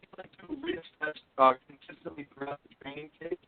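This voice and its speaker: A man's voice: a little high, wildly swooping pitch, a little fast, creaky, a little hiss or hum. A man talking as a guest on a remote call, and his connection keeps cutting out. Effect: breaking-up call connection. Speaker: sports performance trainer. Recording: tinny phone-like call line.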